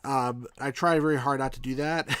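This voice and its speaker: Playing a game live, a reviewer from New York keeps up casual commentary, working through thoughts out loud and answering chat with a mild accent. He has a medium-pitched, slightly bright voice with fairly even intonation and normal speed. No room sound comes through.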